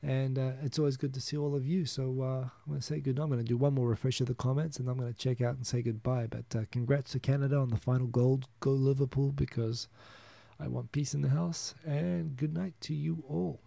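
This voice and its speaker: A New Zealand man in his thirties rambles and chuckles while reading viewer comments on a casual solo live stream, often restarting. His warm, gravelly medium-pitched voice is steady and a little fast, with no room sound.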